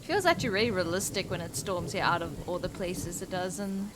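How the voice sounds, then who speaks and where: A young woman rambles through casual let's-play commentary, musing aloud as she games. Her fairly low voice is animated and brisk, set against a noisy background of game music.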